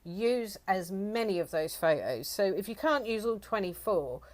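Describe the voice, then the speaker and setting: A woman's voice: mid-range voice, lively intonation, normal speed, a little mellow. A woman from the UK co-hosting a reselling channel, chatting casually with many fillers and reading bits from a report. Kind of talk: casual chat.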